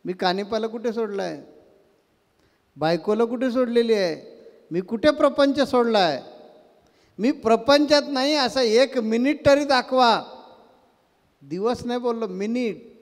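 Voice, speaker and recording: Guy preaching, really high voice, animated storyteller, long hall echo. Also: measured pace, long pauses. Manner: animated storytelling, acting out quoted voices, rhetorical questions. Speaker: spiritual teacher giving a discourse. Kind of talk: devotional sermon.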